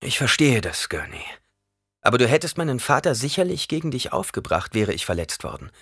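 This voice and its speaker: An earnest young nobleman speaks in a quiet, measured way, as a male narrator voices him. The tone is husky and bright, with a lively pitch. The sound is dry and close. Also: dry recording, heavily acted.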